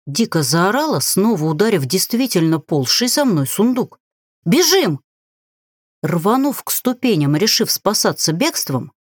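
A woman narrates a fantasy audiobook with animated, playful delivery. Her pitch moves in lively swings. The sound is dry and close, with no room echo. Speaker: audiobook reader.

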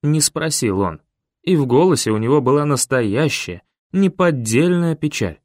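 A man narrating an audiobook in a steady, expressive reading style. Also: a little high, normal speed, dry recording, clean studio sound. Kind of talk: scripted narration.

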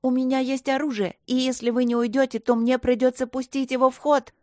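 A woman's voice: fairly high pitch, fairly even intonation, fairly quick, darkish tone, dry recording, studio quality, pitched above the performer's own voice, close to an everyday voice. A woman voicing a brave young heroine who speaks in a tense, urgent way.

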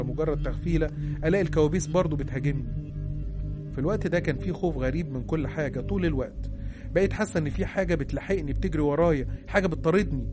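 A man with an Egyptian Arabic accent tells true horror tales at a rapid clip, keeping his delivery hushed and suspenseful. His voice sits a little higher than most men's. The narration is recorded over clearly audible background music. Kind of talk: dramatic horror storytelling.

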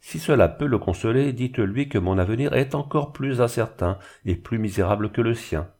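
A man's voice: mid-range voice, expressive, normal speed, a little mellow. A man voicing a proud, bitter young woman who speaks with cold pride.

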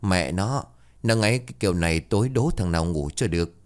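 A cocky young laborer in a spoken ghost story, teasing and quick, with a low voice that jumps around a lot, as a male storyteller puts him on. He talks fast and mocks everyone. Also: animated. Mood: mocking. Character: brash mocking young male worker.

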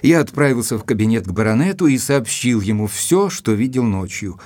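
An actor playing Dr Watson, an earnest, dutiful gentleman narrating his report in a measured, literary manner for an audio drama. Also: mid-range voice, animated, no echo, close to an everyday voice. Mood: measured, reflective. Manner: measured, deliberate, literary phrasing.

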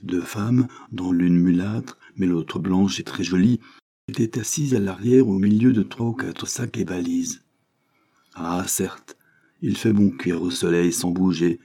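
A man narrating a literary novel as an audiobook in a measured, expressive reading. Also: fairly low pitch.

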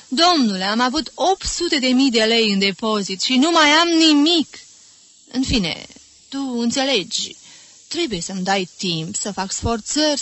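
A woman's voice: medium pitch, a bit bright, no room sound, lightly acted. Woman voicing an effusive old society lady. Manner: gushing, theatrical, exclamatory.

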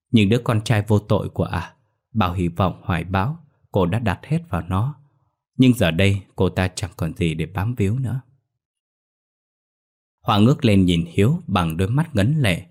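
A man narrating a ghost story in a steady, dramatic way. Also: low-pitched, normal speed.

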